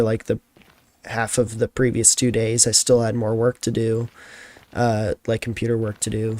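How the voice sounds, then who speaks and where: A man's voice: medium pitch, a little mellow, no room sound. A tired young man chatting casually as a streamer, telling a rambling story full of fillers.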